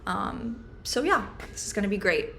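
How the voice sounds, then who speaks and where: A woman's voice: mid-range voice, animated, normal speed, gravelly, a bit bright, slight background noise. A young woman talking casually in a video journal, chatty and rambling, recorded on a laptop's built-in mic at home. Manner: chatty, rambling, self-aware. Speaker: vlogger.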